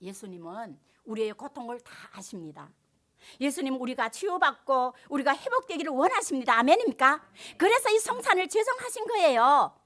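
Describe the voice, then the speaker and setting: A woman's voice: high-pitched, very animated, fairly quick, fairly bright tone. A woman pastor preaching a sermon in a church, with rising emphasis and call-and-response with the congregation.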